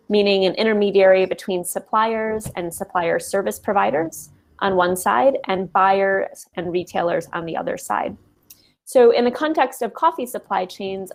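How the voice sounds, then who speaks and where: A woman researcher moderating a panel discussion. She speaks in a measured way, with frequent ums. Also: mid-range voice.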